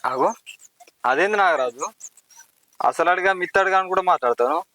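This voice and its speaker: An actor with a Telangana Telugu accent playing a proud young village postman who is quick to get indignant. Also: high-pitched, pushed and bright, dry recording, faint music behind. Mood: protesting. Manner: pleading, then heated and indignant. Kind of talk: village drama acting.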